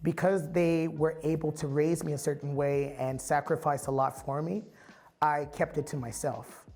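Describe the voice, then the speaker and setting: A man's voice: on the high side, flat delivery, normal speed, darkish tone. A man from the Bay Area giving a candid, reflective personal testimony as a storyteller. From San Francisco Bay Area.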